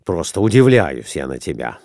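A man voicing a jittery middle-aged husband, fretful and hurried, pleading to get away fast. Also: low voice, very animated, gravelly, a little mellow, dry recording, clean studio sound, voice pushed down, full character voice.

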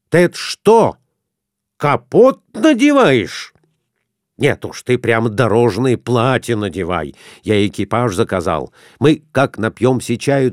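A man voicing a jittery middle-aged husband, fretful and hurried, pleading to get away fast. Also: mid-range voice, no echo, studio quality.

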